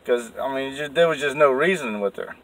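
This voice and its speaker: A man's voice: medium pitch, brisk, distant mic, low-quality recording. A man telling a story in a rambling, profane, heated way. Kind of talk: casual storytelling.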